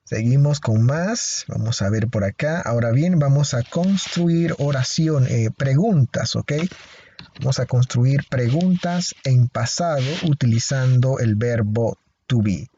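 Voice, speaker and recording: A man with a Panamanian Spanish accent teaching an English grammar lesson, speaking deliberately and repeating each example slowly and clearly. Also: medium pitch, expressive, mellow, muffled recording, a little hiss or hum. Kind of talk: recorded lesson explanation.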